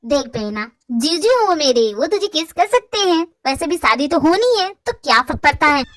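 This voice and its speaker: A woman's voice: high voice, sing-song, normal speed, fairly bright tone, no echo. A woman voicing several roles in a hobby audio drama, teasing and bantering. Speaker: fan-fiction voice actor.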